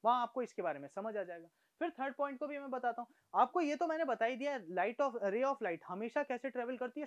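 A male science teacher giving a demonstration lesson. He talks straight to the viewer in a lively, coaxing way, asking questions and answering them himself. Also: sits high, muffled recording. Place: room he darkens and lights for the demonstration.

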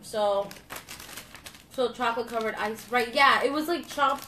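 Young woman host, blunt and swearing, fairly high voice, recorded off-mic in an echoey room. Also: unhurried, bright, forceful tone, distant mic. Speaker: host reviewing candy. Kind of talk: casual live-stream chat. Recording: echoey room, a bit off-mic, faint noise.

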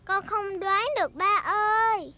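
Peppa, a high little piglet girl. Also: a little slow, heavily acted. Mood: cheerful. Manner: bossy, giggly, eager child talk. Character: small cheerful girl piglet. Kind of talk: cartoon dub acting. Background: loud cartoon music.

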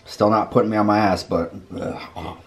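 Low-voiced man reviewing wings at home. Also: fairly even intonation, normal speed, a little hiss or hum. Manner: laid-back, rambling, tasting between remarks. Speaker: food vlog host. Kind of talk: casual food review. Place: home kitchen, indoors. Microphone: camera mic, webcam framing.

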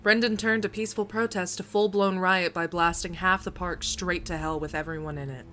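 A wry, no-nonsense police lieutenant played by a woman with a bright, forceful voice. She is sardonic and assertive in audio drama style, with faint music underneath. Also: on the low side, steady tone, fairly quick. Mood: wry, brisk.

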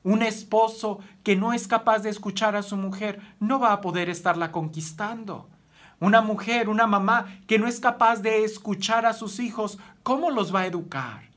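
Earnest priest preaching a homily. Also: male voice. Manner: earnest, rhetorical questions, swings between raised emphasis and soft low phrases. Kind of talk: daily gospel homily.

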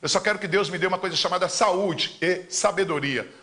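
A man in his fifties with a Paraense Brazilian accent, hosting a live campaign talk with emphatic, fiery delivery that swings between loud declarations and low asides. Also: brisk. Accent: Paraense Brazilian Portuguese. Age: 50s. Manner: gestures broadly with his arms while talking. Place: indoor studio in front of a green screen.

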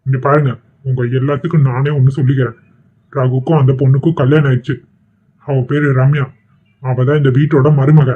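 A man voicing a kindly middle-aged father in a cartoon, speaking gently to calm the family. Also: medium pitch, fairly quick, husky, phone-quality sound, lightly acted. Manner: gentle, placating.

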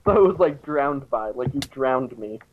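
A man's voice: medium pitch, expressive, measured pace, phone-quality sound, a little hiss or hum. A young man chatting casually while gaming with a friend, trading dry, teasing comebacks. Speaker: gaming channel co-host. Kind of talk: casual gameplay chat.

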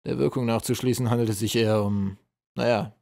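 A man's voice: mid-range voice, steady tone, a little fast, vocal fry, darkish tone, dry recording, studio quality, natural voice. A man voicing a cruel goblin general who interrogates a prisoner in a harsh, threatening, relishing tone. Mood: menacing.

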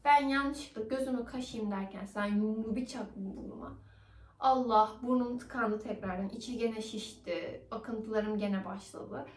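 Young woman, casual vlog storytelling, animated delivery, higher pitch, roomy echo. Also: normal speed, hardly any pauses, far from the mic. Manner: animated, acts out quoted dialogue. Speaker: vlogger. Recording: roomy echo, somewhat off-mic.

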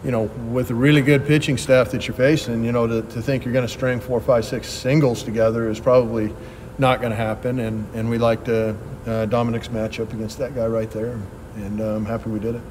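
A middle-aged head coach fields reporters' questions after a game, speaking quickly and bluntly. He often restarts his sentences mid-thought. A light background hum sits under his voice. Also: mid-range voice, level tone, darkish tone. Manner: quick, plain-spoken answers with frequent restarts. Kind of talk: postgame press conference. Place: press backdrop at a ballpark.

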